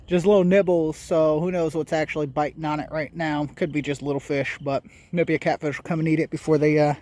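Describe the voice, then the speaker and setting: A man chatting casually while night fishing on a riverbank, excitable, swearing a lot and laughing often. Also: fairly high pitch, a little fast, dry recording. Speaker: angler filming his night fishing. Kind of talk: casual fishing vlog chat.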